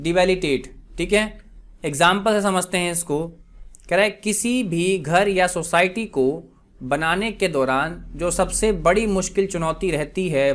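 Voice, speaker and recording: A man with an Indian accent teaching English vocabulary, who explains in quick asides and reads each example sentence slowly and deliberately. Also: sits high. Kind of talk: vocabulary lesson.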